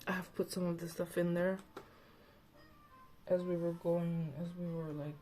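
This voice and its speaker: Woman, slight lisp, low voice, unhurried, rambling casual vlog chat, faint music behind. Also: level tone, dark tone. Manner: rambling, chatty, with many fillers.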